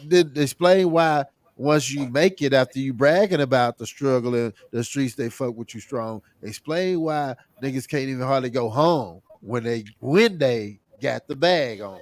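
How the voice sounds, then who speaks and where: A man with an ordinary middle-pitched voice talks through ideas slowly on a podcast. He stops and restarts often, reaching for words as he reasons things out. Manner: thoughtful, halting, lots of uh and restarts. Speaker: podcast co-host. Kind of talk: casual podcast conversation.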